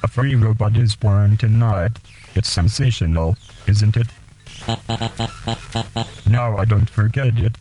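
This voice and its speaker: Slow low-voiced man. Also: warm tone, soft background music, poor audio. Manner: slow, deliberate, halting phrasing. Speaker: radio host. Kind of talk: radio show with poetry reading.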